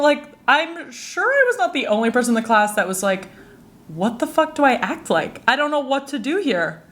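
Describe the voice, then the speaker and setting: A woman in her twenties hosting a casual solo podcast. She tells stories in an animated, exasperated way and laughs often. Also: fairly high pitch. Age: 20s. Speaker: podcast host.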